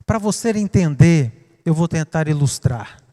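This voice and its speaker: High-voiced dramatic Brazilian preacher. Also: male voice, expressive, unhurried. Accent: Brazilian Portuguese. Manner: dramatic, swinging between hushed and loud. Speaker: pastor. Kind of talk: sermon. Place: church. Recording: reverberant church hall.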